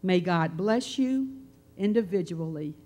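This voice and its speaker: An older woman, giving a measured, earnest and reflective speech at a memorial tribute. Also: on the low side, expressive, dark tone, a little hiss or hum.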